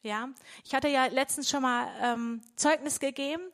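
A woman's voice: high-pitched, steady tone, normal speed. A woman preaching a devotional sermon in a conversational way, often checking in with her listeners.

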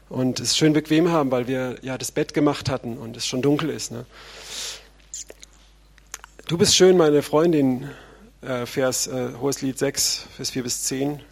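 A man preaches to his congregation in a relaxed, chatty way, often tossing in quick tag questions. His voice has a rough, creaky texture and a breathy huskiness. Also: medium pitch. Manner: conversational, frequent tag questions. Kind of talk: sermon.

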